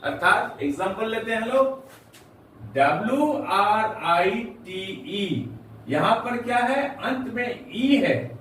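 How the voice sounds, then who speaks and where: Male teacher, high voice, methodical letter-by-letter delivery; distant mic in a very echoey room with faint noise. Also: animated, a bit bright. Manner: slow, spells words letter by letter. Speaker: English teacher. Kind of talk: grammar lesson explaining rules.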